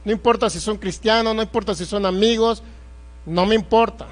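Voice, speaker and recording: Pastor guy preaching hard, kinda high voice, keeps asking the crowd questions. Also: fairly even intonation, fairly quick. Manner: emphatic, confrontational, rhetorical questions. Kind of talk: sermon.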